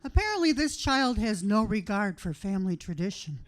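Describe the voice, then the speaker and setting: A middle-aged woman doing open-mic stand-up with dry, deadpan one-liners. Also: medium pitch, normal speed. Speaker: stand-up comic.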